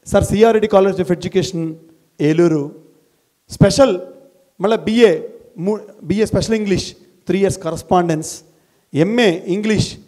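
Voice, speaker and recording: A middle-aged man from India, a school principal, giving an animated motivational talk to college students, firing rhetorical questions and repeating key phrases for emphasis. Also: sits high. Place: college gathering, addressing students.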